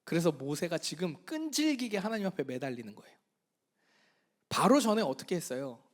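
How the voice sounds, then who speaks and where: A male pastor preaching a sermon in an animated, storytelling way, often turning to the congregation with questions. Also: on the high side, a little fast.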